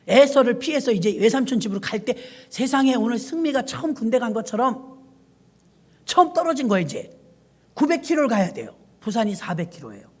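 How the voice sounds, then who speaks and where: A woman pastor preaching a sermon, telling stories and speaking directly to the congregation. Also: a little high. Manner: lively storytelling, addresses congregation directly.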